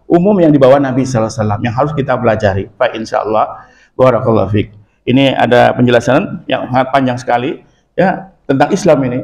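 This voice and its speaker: A man from Madura with a Madurese accent, teaching a religious lesson in an emphatic manner and often checking in with his listeners. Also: mid-range voice. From Madura, Indonesia. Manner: lively, emphatic, with frequent affirming "ya". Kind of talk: religious lesson explaining a text. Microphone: phone camera.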